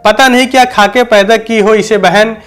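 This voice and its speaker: A man's voice: high-pitched, steady tone, moderate pace, fairly bright tone. A man voicing a stubborn, bossy village mother-in-law in a storybook reading, curt and commanding.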